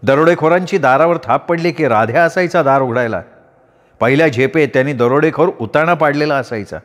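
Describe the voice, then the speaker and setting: A male storyteller reading a rural novel aloud in an expressive, measured way. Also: a little high.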